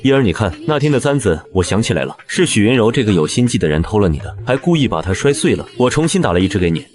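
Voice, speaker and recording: A man voicing an arrogant, obsessive young prince who shouts and pleads frantically. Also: lowish voice, very animated, quick pace. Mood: pleading. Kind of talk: short drama voice acting.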